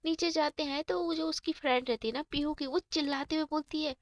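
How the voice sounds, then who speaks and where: A woman's voice: sits high, steady tone, fairly quick, no room sound. A woman with a cold narrating a school love story in a chatty, casual way, mixing in English words and talking to her viewers. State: has a cold. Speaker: storyteller and channel host.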